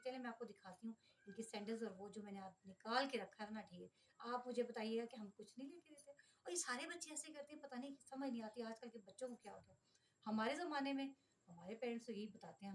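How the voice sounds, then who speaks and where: Exasperated fast-talking Pakistani mother. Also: on the high side, slight background noise. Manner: exasperated, complaining, talks straight to viewers. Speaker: vlogger, mother. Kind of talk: casual vlog monologue.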